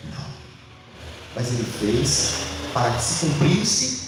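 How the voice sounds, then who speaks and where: A man's voice: medium pitch, sing-song, slow, far from the mic, noisy background. A man with a Brazilian Portuguese accent, preaching a Bible study sermon and asking his congregation questions. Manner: asks the congregation questions and prompts them to answer aloud. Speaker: pastor. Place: church hall. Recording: very echoey hall, voice from afar.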